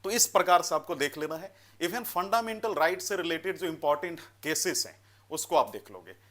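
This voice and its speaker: A man's voice: a little high, lively intonation, normal speed, a bit bright. A man teaching an exam-prep lecture, directive and step by step, mixing English terms into his speech with frequent tag questions. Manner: instructive, mixes English terms into Hindi, frequent "है ना" and "you know".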